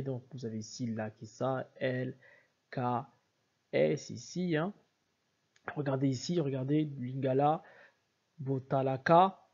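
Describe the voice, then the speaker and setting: A man's voice: mid-range voice, dark tone, slightly rough, lo-fi sound. A man giving an emphatic explanatory lecture over slides, repeating himself and urging the listener to look. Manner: emphatic, repeats "regardez" and "bien sûr". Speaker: video lecturer on word origins.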